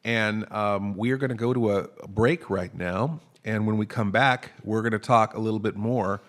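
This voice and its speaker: A man's voice: fairly low pitch, moderate pace. A man hosting a comedy podcast, chatting casually and rambling, often stammering and restarting his sentences. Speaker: podcast host.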